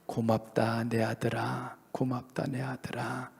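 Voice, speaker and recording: A gentle, fatherly Lord speaks in a hushed, tender near-whisper, as a male preacher puts him on. The voice drops well below the preacher's usual pitch. A long hall reverb trails behind it. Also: level tone, unhurried, vocal fry, husky, full character voice.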